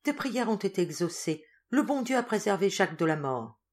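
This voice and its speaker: A woman reading a steady motherly governess. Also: mid-range voice, moderate pace, lightly acted. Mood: soothing. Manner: soothing and firm.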